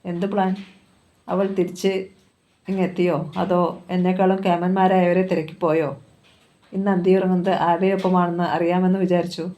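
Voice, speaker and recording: A man's voice: sits high, little pitch movement, moderate pace, pauses often, dark tone. A woman reading the part of a bitter, jealous husband who speaks with cold contempt. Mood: contemptuous.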